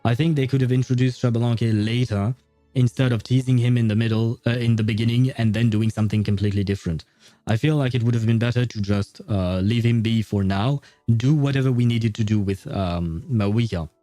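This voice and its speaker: A livestream host chats casually with viewers, rambling and playfully teasing, in a warm, medium-pitched voice that stays steady and runs a little fast. His dry voice, with no echo, sits over faint background music.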